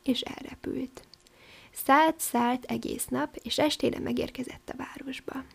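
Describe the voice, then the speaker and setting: A woman reading a fairy tale aloud in a soft, breathy storybook narration. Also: high voice, fairly even intonation, whispered.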